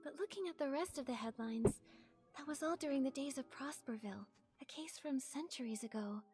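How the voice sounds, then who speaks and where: A woman's voice: sits high, a little fast, dark tone, lightly acted. A young woman voicing an earnest, curious game heroine who reasons things through aloud. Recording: game audio with faint music.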